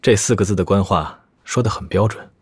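An actor playing a calm, dry young swordsman in an audio drama, speaking politely and matter-of-factly. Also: lowish voice, a little fast, breathy edge, no echo. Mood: calm, curious. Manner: restrained, matter-of-fact, polite. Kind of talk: audio drama character acting.

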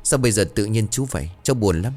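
A man's voice: on the low side, animated, quick pace, a little mellow, faint music behind. A man voicing a curious young adult nephew who asks questions in an earnest, pleading way.

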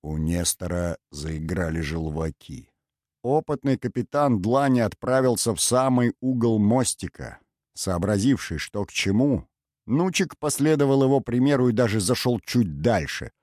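A man narrating an audiobook in a measured, dramatic reading style. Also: lowish voice, lively intonation, darkish tone, no echo, studio quality. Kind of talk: scripted narration.

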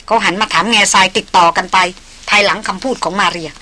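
A woman narrating a novel as an audiobook in a steady, measured reading. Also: medium pitch.

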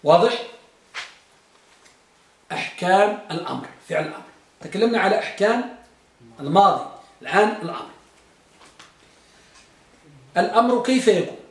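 A man teaching grammar to a class, dictating slowly, repeating phrases and quizzing his students. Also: high-pitched, animated. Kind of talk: classroom lesson. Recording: echoey room from far off.

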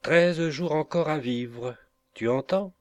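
A man reading an audiobook, voicing a vengeful old woman who curses a young pirate in a slow, drawn-out, menacing way. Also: fairly low pitch, fairly even intonation, dry recording. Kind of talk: audiobook character voice.

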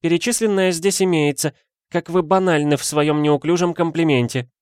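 A man voicing a haughty, sharp-tongued young married lady in an audiobook, with a scornful, imperious manner. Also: on the high side, moderate pace, clean tone, no echo, studio quality, pitched above the performer's own voice, close to an everyday voice. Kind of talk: audiobook character voice.

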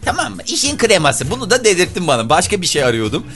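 A man's voice: high voice, big pitch swings, rapid-fire, creaky, a bit bright, soft background music. Radio morning host guy, hammy and theatrical, joking around with his cohost. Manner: theatrical, mock-grandiose slogans. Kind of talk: playful radio banter.

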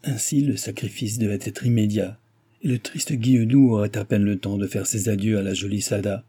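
A man narrates a classic novel at a measured pace. His voice is dark and mellow with a husky grain, and it sits on the lower side. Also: fairly even intonation. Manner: measured storytelling. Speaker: audiobook narrator. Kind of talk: scripted narration.

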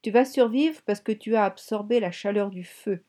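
A woman's voice: medium pitch, moderate pace, warm tone, natural voice. Woman voicing a murmuring mysterious dream voice. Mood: ominous. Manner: murmured, warning.

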